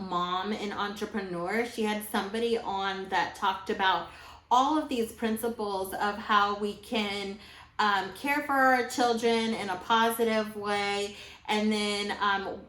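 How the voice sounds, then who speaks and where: A woman's voice: medium pitch, fairly even intonation, a little slow, fairly bright tone. A woman co-hosting an investing podcast, chatting with upbeat enthusiasm. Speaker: podcast co-host. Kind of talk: casual podcast chat. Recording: roomy echo.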